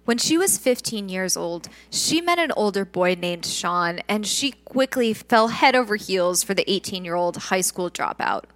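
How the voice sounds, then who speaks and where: A woman's voice: medium pitch, lively intonation, measured pace, few pauses, fairly bright tone. A woman hosting a true crime podcast, reading scripted narration about criminal cases.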